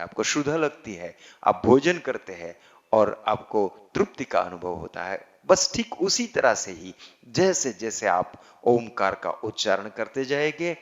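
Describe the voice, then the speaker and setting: A man teaching how to chant, speaking deliberately and drawing out chanted syllables. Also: mid-range voice. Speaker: yoga teacher. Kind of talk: spiritual instruction on chanting. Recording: slightly dull, lo-fi recording.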